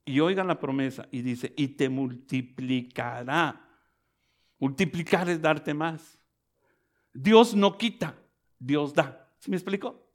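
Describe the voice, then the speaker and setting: A man preaching a sermon, building to loud, emphatic passages and often addressing his listeners as brother. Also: a little high, animated, a little slow.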